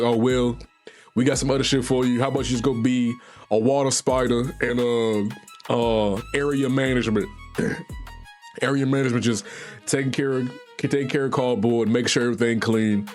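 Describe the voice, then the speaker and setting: A young man from Virginia with a Southern accent, telling a profane, slangy story on a live stream and acting out what other people said. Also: medium pitch. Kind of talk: casual storytelling.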